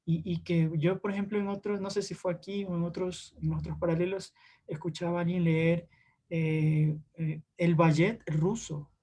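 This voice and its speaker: A man's voice: sits high, level tone, moderate pace, warm tone. A man teaching an online class, talking in a hesitant way with tag questions to his students. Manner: hesitant, many fillers and restarts, tag questions.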